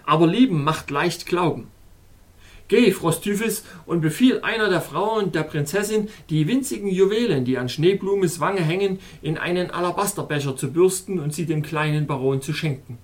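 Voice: mid-range voice, moderate pace, lightly acted. A reader voicing a cold, dignified king of an ice realm in an audiobook, speaking in a stately, cool manner. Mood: icy dignity. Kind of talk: audiobook character voice.

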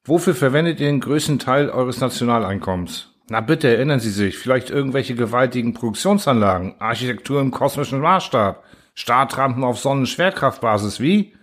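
A towering alien envoy, brisk and condescending, firing off impatient questions in a middle-pitched male voice, as an audiobook reader puts him on. He talks hastily, pushing ahead before anyone can answer. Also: expressive, lightly acted. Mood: impatient, probing. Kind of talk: audiobook character voice.

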